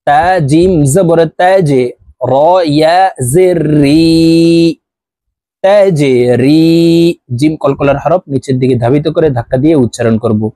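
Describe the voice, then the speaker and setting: A Bangladeshi man teaching Quran letter reading, chanting syllables slowly and drawn out between quick explanations, with learners repeating after him. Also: a little high, mellow, dry recording. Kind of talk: recitation lesson with repeat-after-me drills.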